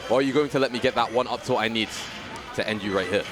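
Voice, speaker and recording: A man's voice: medium pitch, quick pace. A British man giving playful, jokey live commentary on a tournament match. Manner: playful, jokey, excitable on big moments. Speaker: esports commentator.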